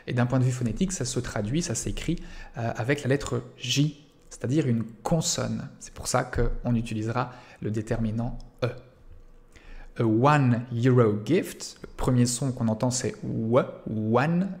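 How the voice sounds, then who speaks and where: A man's voice: medium pitch, a little mellow. A young French-speaking man giving a recorded English grammar lesson, explaining step by step with rhetorical questions and frequent "eh bien" fillers.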